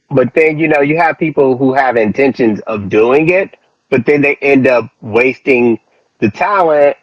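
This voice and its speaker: A man talks slowly over a dull, lo-fi headset phone line that leaves him sounding thin and far off. His delivery is laid-back and profane in a casual chat. The line is dry, with no room around it. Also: medium pitch, dry recording. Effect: thin, distant-sounding headset phone line. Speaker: podcast co-host.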